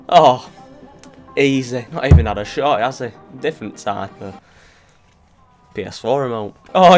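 A young gaming YouTuber with a medium-pitched voice commentates on his football video game. He's excitable and jokey, swears a lot, and suddenly breaks into shouts.

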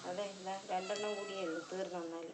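A woman's voice: medium pitch, steady tone, fairly quick. A woman, vlogging casually at home and chatting fondly to her cat while she cleans fish. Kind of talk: casual home cooking vlog. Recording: echoey room with clear background noise.

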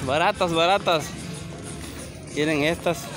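Music and a crowd can be heard behind a man's fairly high voice, which runs a little slow. He's doing a chatty walk-and-talk vlog at an outdoor flea market on a sunny gravel lot, holding his phone camera, addressing viewers and asking for likes.

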